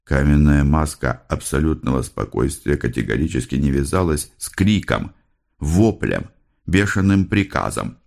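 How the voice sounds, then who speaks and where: Deep gravelly male audiobook narrator. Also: animated, moderate pace, darkish tone.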